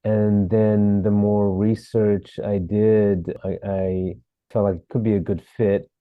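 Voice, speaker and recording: A man from Sri Lanka, an actor, telling his story as a podcast guest in a relaxed way, with fillers. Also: lowish voice, slow pace, no room sound, narrow, tinny audio. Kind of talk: interview.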